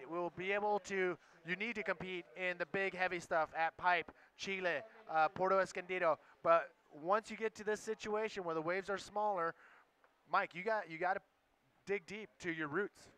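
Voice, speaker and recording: Laid-back surfer announcer, a bright high-voiced man. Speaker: sports event announcer and commentator. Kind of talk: live bodyboarding contest commentary.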